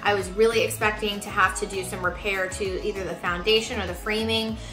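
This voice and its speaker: A woman's voice: medium pitch, steady tone, fairly quick. A woman in her thirties explaining things casually and chattily to camera, as in a home renovation vlog. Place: living room indoors. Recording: roomy living-room echo, music underneath.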